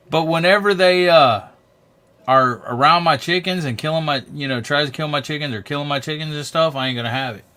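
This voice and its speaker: A man's voice: fairly high pitch, fairly quick, pushed and bright, clear, resonant tone. A man chatting casually in a folksy, plain-spoken way. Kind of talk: casual chat.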